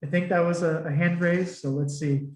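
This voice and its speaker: Guy running a club meeting on a video call, upbeat, higher voice, roomy echo. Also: fairly even intonation, normal speed. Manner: upbeat, welcoming, formal phrasing. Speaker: topic master of a speaking club.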